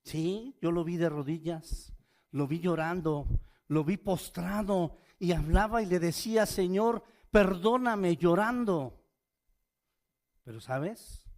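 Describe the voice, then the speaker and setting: A man's voice: a little high, measured pace, darkish tone. A man preaching a sermon, reading scripture aloud and asking his listeners pointed questions. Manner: asks the listeners questions, reads scripture with rising force.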